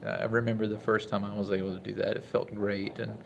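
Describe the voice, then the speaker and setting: A man in his forties with a very deep, gravelly voice speaks slowly in a reflective, halting way, often restarting his sentences. He talks casually on a live stream from a hospital room, with clear room noise behind him. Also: level tone. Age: 40s. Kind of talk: casual live-stream talk reading chat.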